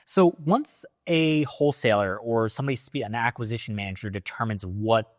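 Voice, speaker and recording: A man's voice: medium pitch, a little fast, no echo, clean studio sound. A man interviewing a sales coach, giving short agreeing replies and asking probing follow-up questions.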